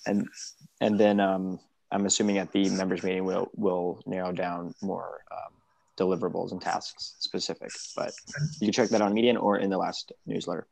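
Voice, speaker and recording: A man with a fairly low voice walks members through committee plans. He talks loosely, stopping and restarting, and the sound is dry and close. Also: level tone, gravelly, darkish tone, no echo. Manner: halting, with many restarts and fillers. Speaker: meeting presenter. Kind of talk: casual online meeting talk.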